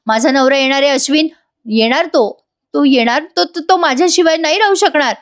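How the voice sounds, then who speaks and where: A woman voicing a stubborn, desperate young woman prisoner who talks in an insistent, shrill way. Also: fairly quick, natural voice.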